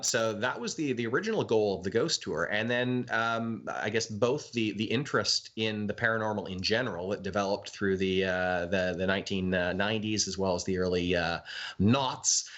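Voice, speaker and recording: Bright, low-voiced Canadian man. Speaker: ghost tour guide, interview guest. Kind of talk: casual interview talk.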